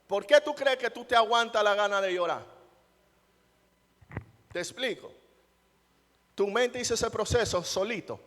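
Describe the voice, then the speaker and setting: A man's voice: high-pitched, expressive, a little slow, long pauses, fairly bright tone. A male pastor preaching a sermon, emphatic, often asking the congregation rhetorical questions. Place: church. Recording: long church hall reverb.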